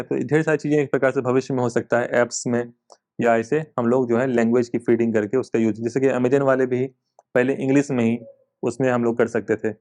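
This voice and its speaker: A man's voice: medium pitch, darkish tone. A man teaching an exam coaching class in a casual, conversational way, often repeating himself and using fillers. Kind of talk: casual Hindi lecture with English terms.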